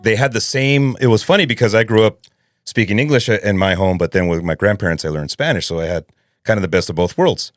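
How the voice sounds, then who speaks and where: A man with a low, deep voice chats as a podcast guest. He is a voice actor and comedian who tells stories with a lot of energy and laughs easily. The recording sounds close and dry. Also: fast, no echo. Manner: animated storyteller who laughs often. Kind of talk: casual chat.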